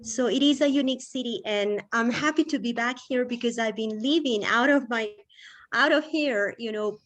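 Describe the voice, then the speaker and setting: A woman's voice: a little high, normal speed, a bit bright. A woman from Ecuador, a guest writer, talking chattily with many fillers at an online panel.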